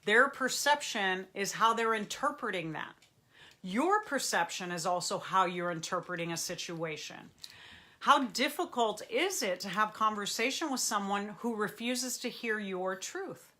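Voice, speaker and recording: A middle-aged woman therapist hosts a live online Q&A in front of a bookshelf, speaking into a webcam. Her voice is bright and crisp, and she keeps the talk animated and full of jokes. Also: medium pitch, unhurried. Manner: animated, joking, reads out viewer comments. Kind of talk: live-stream talk to viewers. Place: room in front of a bookshelf and ladder.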